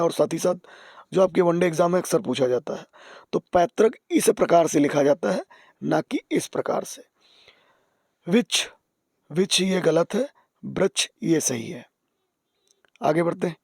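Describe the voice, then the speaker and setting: A man teaching exam spelling, patient, repeating key words and dropping to soft asides. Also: fairly high pitch, dry recording, studio quality. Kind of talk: explaining spelling on screen.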